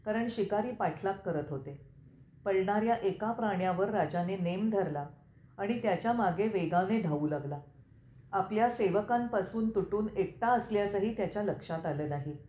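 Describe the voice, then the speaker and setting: A woman's voice: medium pitch, mellow, a little hiss or hum. Woman reading a scripture story in an echoey room. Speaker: narrator. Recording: echoey room with faint ambience.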